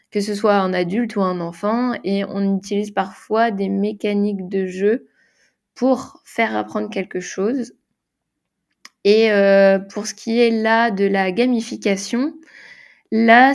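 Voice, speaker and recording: A woman of medium pitch answers interview questions about using games in workshops. She thinks aloud as she goes, with frequent hesitations and restarted phrases. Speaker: game designer and facilitator.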